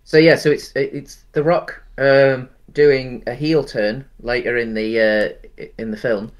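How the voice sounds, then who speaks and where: A man in his thirties co-hosts a casual film-review podcast over a video call from a room at home. His medium-pitched voice is fairly even and unhurried, and he's easygoing and rambling, with many ums.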